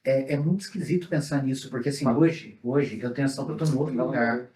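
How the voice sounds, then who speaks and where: A Brazilian man with a mid-pitched voice joins a workshop discussion. He thinks aloud hesitantly and restarts his sentences often. He is heard from some distance in a reverberant room. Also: fast, darkish tone, slight background noise. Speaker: workshop participant. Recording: echoey room, mic at a distance.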